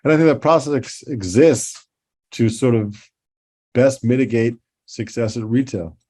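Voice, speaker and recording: A man's voice: mid-range voice, measured pace, warm tone. A middle-aged man with a New York accent, talking as a toy-designer guest in a casual podcast interview, rambling with many restarts.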